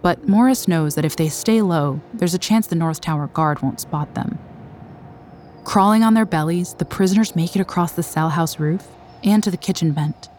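Low-voiced woman narrating a documentary. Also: a little mellow, slight background noise. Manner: measured, dramatic storytelling. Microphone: studio voice-over.

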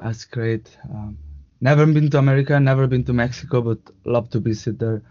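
A man's voice: mid-range voice, fairly even intonation, dark tone. A man from Spain with a Spanish accent, a native Catalan speaker, chatting casually as a guest and often restarting his sentences. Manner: halting, restarts often, tag questions. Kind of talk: casual interview chat. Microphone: video call. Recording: muffled lo-fi call audio.

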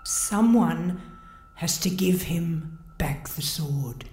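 A man voicing a gentle dog who speaks softly and breathily. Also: high voice, animated, slow pace, roomy sound, recorded from a distance, over loud music, voice pushed up. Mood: hushed.

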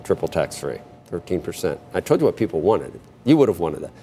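A man's voice: low voice, sing-song, a little fast, dark tone, soft background music. A middle-aged or older American man co-anchoring financial news, chatting off the cuff about markets, digressing and restarting his phrases. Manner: rambling, digressive, repeats and breaks off phrases. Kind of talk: unscripted market chat and commentary.

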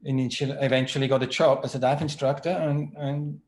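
A man, a podcast guest telling his story in a measured way over a video call. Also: mid-range voice, little pitch movement, a little mellow, a little hiss or hum. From Switzerland. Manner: measured, unhurried storytelling with hesitant fillers. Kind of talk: casual interview chat.

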